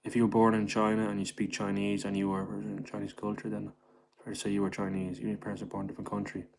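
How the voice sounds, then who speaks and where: Fairly low in pitch and monotone, this man's voice comes out rapid-fire with vocal fry and a darkish tone over slight background noise. He hosts a laid-back livestream at home, rambling through replies to chat and calling people "bro." He stays quiet so the landlord won't be disturbed.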